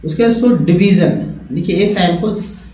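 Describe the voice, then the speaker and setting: A man teaching English reading in a phonics lesson, spelling words out letter by letter and repeating each one slowly while checking that viewers follow. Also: sits high, dark tone, echoey room, distant mic, rough recording. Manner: addresses viewers as friends, checks understanding. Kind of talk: slow phonics lesson in Hindi.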